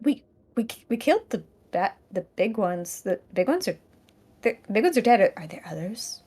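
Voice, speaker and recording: A woman playing a tabletop game, chatty and playful, quick to argue rules. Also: medium pitch, big pitch swings, mellow, slightly rough. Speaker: player.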